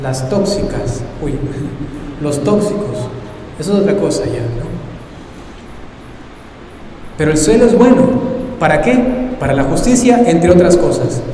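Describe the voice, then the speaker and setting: A man's voice: on the high side, lively intonation, a little slow, pauses often, warm tone, recorded from a distance, a little hiss or hum. A male priest giving a conversational sermon, often tossing rhetorical questions to the congregation. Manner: conversational preaching with frequent rhetorical "¿no?". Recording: echoey hall, voice from afar.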